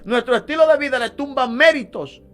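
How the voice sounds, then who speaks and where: A man's voice: very high-pitched, a little fast, soft background music. A man preaching a sermon as a deliverance minister, emphatic and fond of rhetorical questions.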